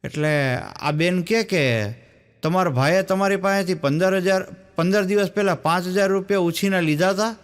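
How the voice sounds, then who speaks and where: A man's voice: sits high, moderate pace, smooth. A male stand-up comedian, telling jokes as stories and acting out the dialogue. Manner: storytelling, acts out the dialogue in his jokes. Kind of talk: Gujarati folk joke telling.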